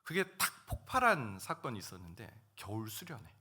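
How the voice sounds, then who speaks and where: Male pastor, middle-aged, animated pitch, bright tone, storytelling sermon in church. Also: a little fast, husky. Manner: personal storytelling, emotional swings from hushed to loud. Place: church sanctuary.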